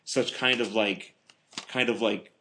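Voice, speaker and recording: A man's voice: on the low side, steady tone, unhurried, bright, forceful tone, slight background noise. A man casually reviewing a film with a co-host, rambling and joking, with lots of filler words. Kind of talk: casual movie review chat.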